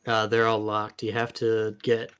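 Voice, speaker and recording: A man's voice: on the low side, completely flat delivery, measured pace, a bit bright, clear, resonant tone. A man riffing and rambling casually about a fantasy world on a live stream, swearing freely. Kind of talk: casual chat.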